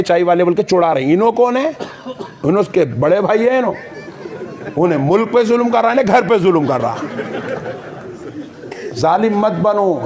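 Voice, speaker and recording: Animated high-voiced male preacher. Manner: animated, playful, mimics family members for the crowd. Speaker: Islamic preacher. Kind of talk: sermon.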